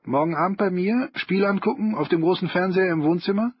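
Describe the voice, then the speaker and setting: Brief: a man doing an eager teen boy, higher and husky. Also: quick pace, no room sound, highs cut off. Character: eager friendly teenage schoolboy host.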